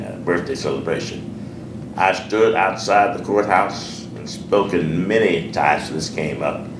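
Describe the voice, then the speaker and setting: An older man with a Southern American accent, a pastor from Alabama, earnestly recalling his life in an oral history interview, often repeating his words. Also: low voice. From Sheffield, Alabama. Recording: echoey room, distant mic, noisy.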